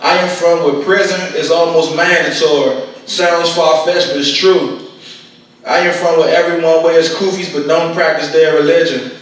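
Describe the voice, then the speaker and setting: Speaking at a moderate pace with fairly even intonation, this man has a fairly high, fairly bright voice and a Washington DC accent. As a conference guest poet, he recites a poem and shares personal testimony in a plain-spoken, colloquial storytelling manner. He was recorded from afar in a very echoey hall with faint background noise.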